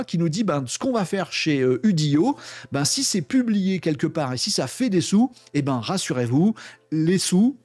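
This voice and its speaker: A man hosting a tech news video, giving casual, opinionated commentary full of fillers and animated asides. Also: fairly high pitch, dry recording. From France.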